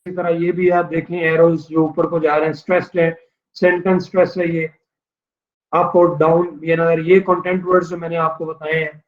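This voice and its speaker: A man teaching a recorded online lecture, explaining steadily, mixing in English terms, with drawn-out "uh" fillers. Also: fairly high pitch, level tone. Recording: dull lo-fi recording.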